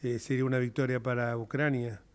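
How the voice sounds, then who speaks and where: A man's voice: medium pitch, flat delivery, brisk. A man hosting an interview who presses his guest with probing follow-up questions. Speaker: interviewer host. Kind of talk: conversational interview.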